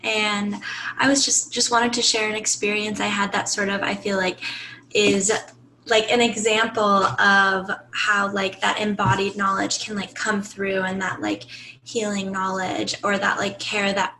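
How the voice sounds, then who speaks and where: A woman with a bright, gravelly voice shares a personal story in an online group. She talks earnestly and pads her phrases with "like", and her voice sounds a little roomy. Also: medium pitch, little pitch movement, measured pace, a little hiss or hum. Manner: earnest, many "like" fillers. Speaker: workshop participant. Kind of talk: personal sharing.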